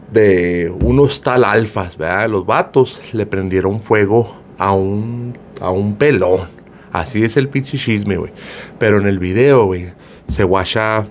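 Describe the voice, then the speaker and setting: A man's voice: on the low side, a little hiss or hum. A man, casually retelling a viral video as gossip, slangy and profane, with a filler word after nearly every phrase. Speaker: gossip storyteller.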